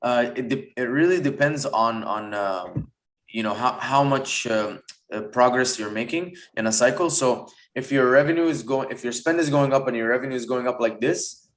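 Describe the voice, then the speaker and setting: A man with a mid-pitched voice gives casual expert advice in an online question session. His delivery is halting, as he thinks aloud while he answers. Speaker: expert guest on advertising.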